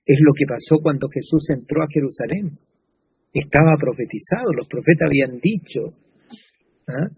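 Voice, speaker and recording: A man's voice: on the high side, moderate pace, darkish tone, breathy edge, poor audio. A man with a Chilean Spanish accent preaching a sermon in a conversational way, with fillers and tag questions.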